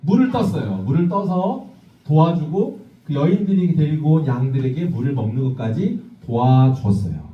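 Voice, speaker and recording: A man's voice: on the high side, normal speed. A man pastor telling a Bible story to children in a church, asking them questions and acting out the voices of the people in it. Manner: lively, asks the children questions and acts out voices. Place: church hall. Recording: distant, echoey, dull church recording.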